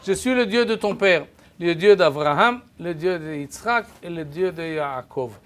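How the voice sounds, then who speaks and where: Lecturing on the Bible to a room with a projector screen, an older native French speaker has no mic and is captured from afar by a camera. He stumbles, restarts, and repeats words, projecting his voice to be heard. It's a little high and fairly bright.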